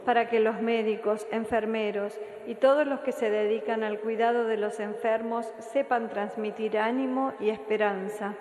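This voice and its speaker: A woman serving as lay reader at Mass, reading the prayers of the faithful in a measured, even way, with a cathedral echo around her voice. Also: on the high side. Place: large church. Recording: echoey church with long reverb.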